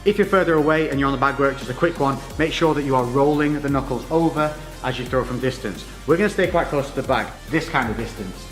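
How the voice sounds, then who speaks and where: A man's voice: mid-range voice, quick pace, a bit bright. Guy teaching a boxing workout step by step, encouraging, super echoey, music behind him. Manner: encouraging step-by-step coaching, informal. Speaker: boxing fitness coach. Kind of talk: instructional workout demonstration. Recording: echoey reverberant room with music.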